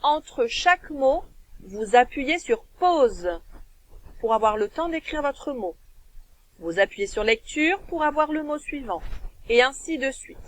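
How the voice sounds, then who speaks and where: French woman teacher, higher voice, reads a dictation slowly and clearly for young pupils. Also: animated, low-quality recording. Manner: slow, clear dictation, stretching words and syllables. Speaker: primary school teacher. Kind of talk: recorded dictation lesson for children.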